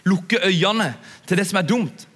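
A young man preaching to a youth audience in a relaxed, chatty way, often asking his listeners to agree. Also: high-pitched, slightly rough. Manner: chatty, asks "ikke sant?" often. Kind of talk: sermon. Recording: long hall reverb.

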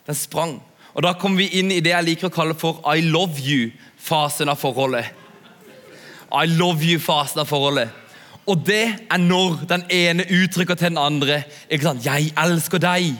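Chatty young male preacher, high voice. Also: bright, forceful tone. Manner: chatty, asks "ikke sant?" often. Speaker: youth preacher. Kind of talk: sermon. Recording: long hall reverb.

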